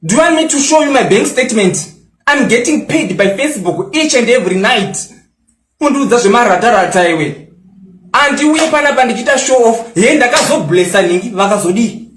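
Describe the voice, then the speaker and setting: A Zimbabwean social media personality in his twenties fires back at a critic in an angry, boastful, mocking rant, slipping English into his local-language talk. His voice is very high, expressive, brisk and fairly bright, and the low-quality recording is reverberant.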